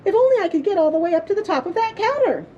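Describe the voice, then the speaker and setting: A woman's voice: very high-pitched, big pitch swings, racing, mellow, muffled recording, a little hiss or hum, voice pushed up. A woman voicing a willful, greedy little girl in a storybook, emphatic and self-absorbed. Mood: greedy delight.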